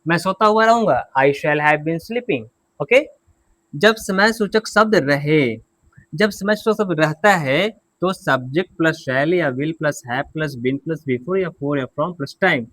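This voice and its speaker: A man's voice: on the high side, slow pace, fairly bright tone, no echo. A man teaching an English grammar and pronunciation class, patiently repeating key points and quizzing his students.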